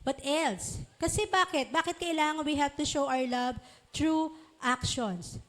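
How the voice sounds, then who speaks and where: A woman's voice: sits high, a little slow, fairly bright tone. A woman teaching a congregation of children and parents in a sermon, coaxing them along with questions and frequent check-ins. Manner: acts out parents and children in short voices. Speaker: church teacher.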